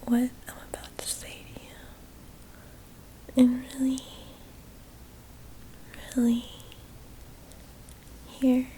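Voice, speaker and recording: A woman doing an ASMR whispered role-play as an affectionate, teasing childhood best friend, in a soft, soothing spa-like whisper meant to relax. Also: high voice, completely flat delivery, takes it slowly, long pauses, a little hiss or hum, poor audio.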